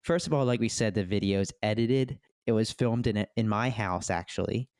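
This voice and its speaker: A man co-hosting a casual podcast, talking in an animated way with quick asides and restarts. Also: fairly low pitch, no room sound, studio quality. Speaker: podcast co-host.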